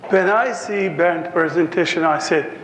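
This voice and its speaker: A man's voice: fairly high pitch, measured pace, a bit bright, slight background noise. A man in his sixties from Turkey with a Turkish accent, giving a conference lecture in a joking, anecdotal way. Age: 60s.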